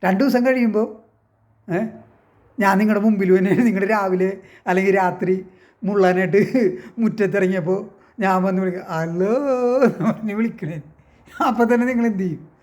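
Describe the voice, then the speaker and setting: A man with a notably high voice talks straight to his viewers in a loose, casual monologue. He retells a story step by step, pausing to ask whether they follow. He often poses questions and then answers them himself. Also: steady tone, a little mellow. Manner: rhetorical, keeps asking if listeners understand. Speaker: online commentator.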